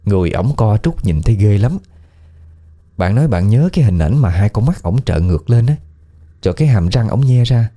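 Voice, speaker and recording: Deep-voiced man with a Southern Vietnamese accent telling a story. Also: fairly quick. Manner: conversational, colloquial, lively storytelling. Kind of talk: casual spoken ghost story narration. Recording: faint background music.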